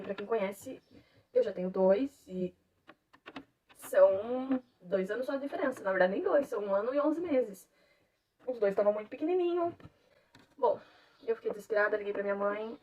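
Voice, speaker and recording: A young woman, a mother, telling her own story in an animated way and acting out the dialogue. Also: fairly high pitch, husky. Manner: animated, acts out quoted dialogue, laughs often. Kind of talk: emotional personal storytelling. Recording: distant mic, dull lo-fi sound, faint noise.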